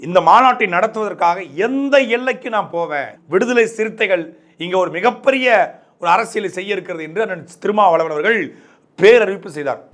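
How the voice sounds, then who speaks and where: A man's voice: sits high, expressive, fairly quick, fairly bright tone. A man narrating a political troll video in a mocking, sarcastic commentary style. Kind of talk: casual commentary.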